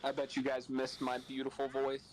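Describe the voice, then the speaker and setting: A man on a voice call trades jokes and teases his friend in a relaxed, mid-pitched voice. Faint noise hums under his call audio. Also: brisk, rough recording. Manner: teasing, joking. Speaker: co-host on a voice call. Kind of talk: casual joking banter.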